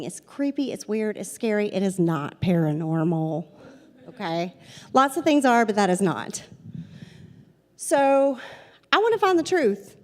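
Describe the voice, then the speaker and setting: A woman's voice: fairly high pitch, a little mellow. A woman in her forties with a Southern US accent, a paranormal investigator giving a storytelling talk who speaks straight to her audience and repeats her points for emphasis. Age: 40s. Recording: long hall reverb.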